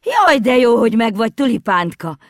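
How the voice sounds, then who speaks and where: A woman voicing an excitable forest friend who exclaims loudly in a storybook reading. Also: sits low, vocal fry, no echo, clean studio sound, exaggerated voice. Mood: excited.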